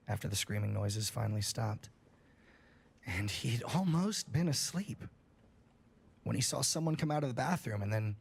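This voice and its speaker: Gravelly man reading a horror story. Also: darkish tone. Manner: casual and profane, rises in pitch at tense moments. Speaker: livestream host reading a story.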